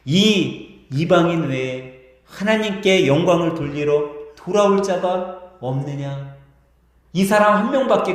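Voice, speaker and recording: Jesus, voiced by a pastor: grave, slow, questioning, in a very echoey church hall. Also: male voice, high-pitched. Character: Jesus, calm solemn teacher man.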